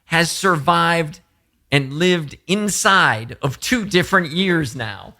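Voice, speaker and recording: A man co-hosting a podcast in casual chat, animated and quick to laugh. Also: creaky. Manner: animated, laughs often, swoops up in pitch. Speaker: podcast co-host.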